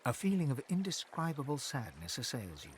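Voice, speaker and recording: A man playing a solemn fantasy game narrator, reading scripted narration in a poetic, measured storytelling manner. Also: medium pitch, huge pitch swings, a little hiss or hum.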